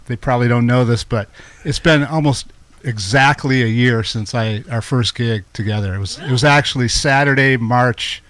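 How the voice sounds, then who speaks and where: A man's voice: medium pitch, moderate pace, dry recording. Modest male guitarist, dry close sound. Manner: modest, self-deprecating, laughs softly. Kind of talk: casual interview chat.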